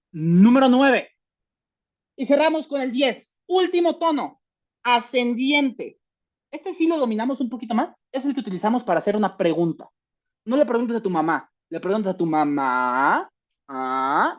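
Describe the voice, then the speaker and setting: A woman teaching a language class online, slowing down to demonstrate each sound. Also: on the high side, a little mellow, lo-fi sound.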